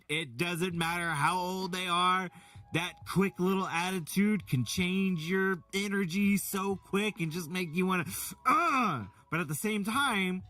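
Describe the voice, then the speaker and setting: A middle-aged man chatting casually while reading out chat, rambling and animated with many restarts. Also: fairly high pitch, distant mic. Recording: from the mic, faint music behind.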